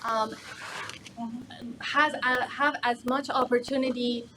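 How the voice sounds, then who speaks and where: Higher-pitched woman, agency staffer at a public meeting, halting delivery with restarts, faint room hiss. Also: fairly even intonation, bright, forceful tone, low-quality recording. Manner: halting, many fillers and restarts. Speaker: agency staff answering questions.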